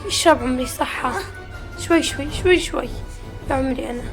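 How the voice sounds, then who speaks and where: Young woman hosting a family vlog, rapid-fire and doting, over background music. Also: sits high.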